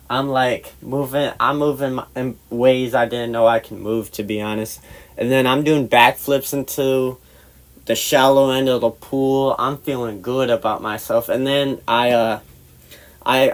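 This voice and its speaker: A man's voice: mid-range voice, poor audio. Rambling man telling a casual story. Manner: rambling, halting, full of fillers and restarts; animated, swings louder when retelling the argument. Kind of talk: casual personal anecdote.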